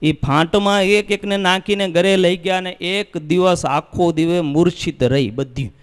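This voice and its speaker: A man with a Gujarati accent from Kutch, preaching as he tells a religious story in a temple hall, lively and acting out the voices and cries in the tale. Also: high voice, a little slow, clear, resonant tone. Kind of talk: storytelling sermon. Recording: long hall reverb.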